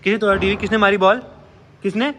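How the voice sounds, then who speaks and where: A man hosting a family vlog, excited and teasing as he questions everyone. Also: sits high, fast talker. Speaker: vlogger host. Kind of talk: casual family vlog chat.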